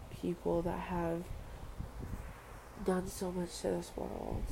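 With a creaky, lowish voice, a young woman from Western Samoa delivers an earnest vlog monologue full of repeated phrases and casual fillers. Background ambience is noisy.

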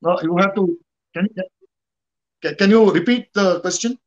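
A man with a distinctly high-pitched voice and an Indian accent speaks as a guest commentator. He talks conversationally, halting often and repeating phrases to drive them home. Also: highs cut off. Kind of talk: conversational history and politics discussion.

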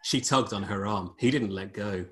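A man's voice: moderate pace, fairly bright tone. A man hosting a podcast, reading a book aloud in a comic style and often breaking into laughter. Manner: laughs often, swings pitch widely.

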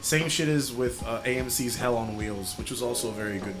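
A man's voice: mid-range voice, fairly quick. Casual man in a roomy, music-filled space. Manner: switches between English and Spanish. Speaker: podcast co-host. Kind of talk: casual film and TV chat with profanity. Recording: roomy echo with loud music behind. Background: loud music.

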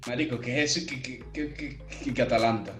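Guy firing off jokes fast, faint music behind. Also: mid-range voice, fairly even intonation. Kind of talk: casual chat among friends. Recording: roomy echo.

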